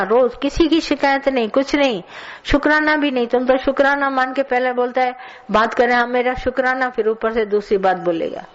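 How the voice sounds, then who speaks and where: A woman's voice: on the high side, lo-fi sound. A woman giving a colloquial spiritual sermon, scolding and telling stories to her listeners. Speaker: spiritual teacher. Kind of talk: satsang sermon.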